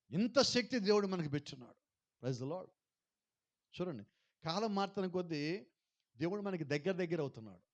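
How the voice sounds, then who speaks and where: A male pastor preaching a sermon, mixing in English phrases and urging the congregation to respond louder. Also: sits high.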